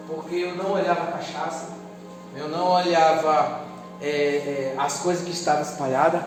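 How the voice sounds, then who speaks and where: Pastor, male, high voice, long church reverb, music under the sermon. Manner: emotional preaching, swinging from loud to hushed. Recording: echoey church hall with music behind.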